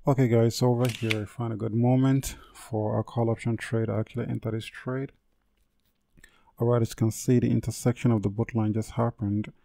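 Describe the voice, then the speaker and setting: A man's voice: fairly low pitch, vocal fry, mellow, no room sound. A man hosting a casual trading tutorial over a screen recording, repeating himself and correcting his words with many fillers. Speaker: trading channel host.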